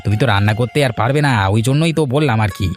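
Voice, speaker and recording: Voicing a village fisherman in a cartoon, a man with a medium-pitched voice talks at a racing clip. He chats easygoingly with his wife and a friend in this cartoon dialogue.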